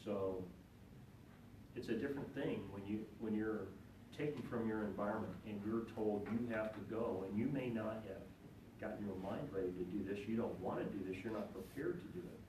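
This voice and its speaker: An older man, a retired general, answering on a panel in a measured, reflective way. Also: fairly low pitch, noisy background. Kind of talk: panel discussion. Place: event hall. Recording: echoey room from a distance.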